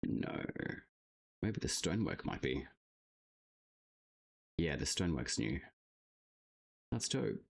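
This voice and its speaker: A man's voice: a bass voice, animated, takes it slowly, gravelly, pauses often, a little hiss or hum. A man streaming a game, casually musing aloud to himself as he plays. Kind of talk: casual live-stream commentary.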